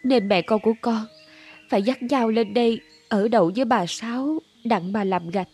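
A sick, poor young widow in a storybook drama, played by a woman with a husky, fairly high voice. She answers weakly and humbly. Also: moderate pace, darkish tone, soft background music. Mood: weary, humble. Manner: weak, humble, respectful.

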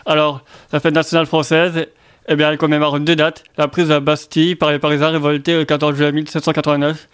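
A man hosting an informal radio show in a halting way, speaking through a face mask. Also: on the high side, monotone, clear, resonant tone, no room sound, studio quality. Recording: loud music behind the voice. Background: loud music.

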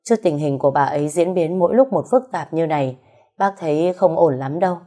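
A woman voicing a calm, grave older male doctor who speaks slowly and carefully. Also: low-pitched. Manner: slow, measured.

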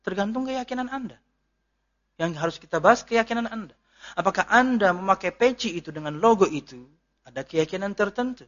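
A male preacher talks in a loose, joking lecture style and laughs at his own jokes. His voice sits high and bright. The recording sounds dull and lo-fi. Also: expressive, brisk. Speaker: ustadz, Islamic preacher. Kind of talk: casual religious lecture with Q&A.

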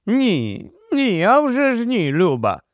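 A man voicing a chatty, vain young noblewoman who gushes loudly and giggles easily. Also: high voice, huge pitch swings, slow pace, no room sound, clean studio sound, pitched above the performer's own voice, heavily acted. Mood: gushing. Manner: gushing, loud, fussy.

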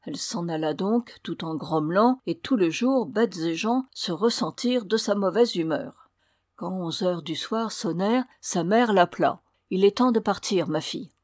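A woman narrating a fairy tale aloud in a measured storytelling manner. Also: lowish voice, no echo, studio quality.

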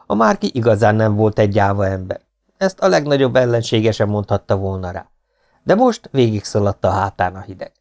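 Low-voiced male audiobook narrator. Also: expressive, darkish tone. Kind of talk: scripted narration.

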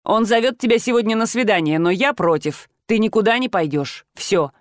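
A woman's voice: medium pitch, lively intonation, normal speed, dry recording, studio quality, close to an everyday voice. A woman reading the lines of a domineering, protective male cousin who barks curt orders, in a storybook reading. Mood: stern.

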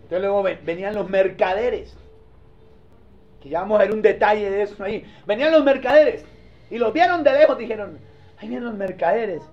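A male pastor preaches in a high voice and tells the story in a lively, animated way. He often breaks off to ask the congregation questions, and the recording sounds dull and lo-fi. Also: a little fast. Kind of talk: sermon.

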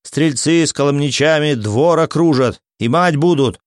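A man voicing a stern foreign army captain giving brisk commands. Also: on the high side, no echo, studio quality, close to an everyday voice. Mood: commanding.

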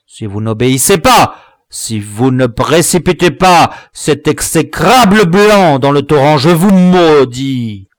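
A man reading an audiobook, voicing a vengeful dwarf villain who mixes Spanish words into his shrill cursing threats. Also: sing-song, slow, no room sound, clean studio sound. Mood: cursing rage. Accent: Spanish words mixed in. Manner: shrill, spitting curses and threats.

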